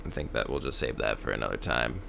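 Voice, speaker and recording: Deep gravelly-voiced man, laid-back talk. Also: fast talker, bright, forceful tone, a little hiss or hum. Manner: laid-back, reflective, reads the scripture aloud. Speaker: podcast co-host. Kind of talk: casual Bible discussion.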